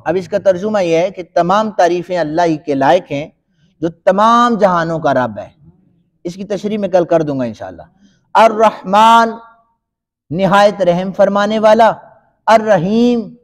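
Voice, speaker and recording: A male Quran teacher giving a tajweed lesson, explaining step by step and stretching words out in slow recitation. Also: sits high, animated. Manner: explains slowly, then recites in long drawn-out chanting.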